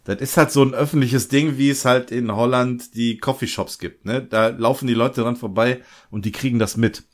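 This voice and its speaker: A man's voice: mid-range voice, steady tone, moderate pace. A man chatting casually about a film, wry and speculative in his remarks.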